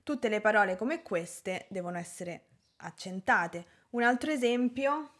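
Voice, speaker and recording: A woman from Italy teaching a language lesson at an unhurried pace. She lays out each example word with careful, deliberate pronunciation, in a mid-range voice. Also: medium pitch, animated, fairly bright tone. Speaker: Italian teacher. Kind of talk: slow, clear language lesson.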